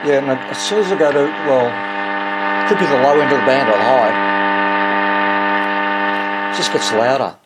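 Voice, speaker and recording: A vintage radio restorer, a man with an expressive medium-pitched voice, talks at a normal speed with frequent pauses. He comments informally on his repair, hesitant and self-deprecating, reasoning aloud as he works. The recording carries workshop noise and clicks.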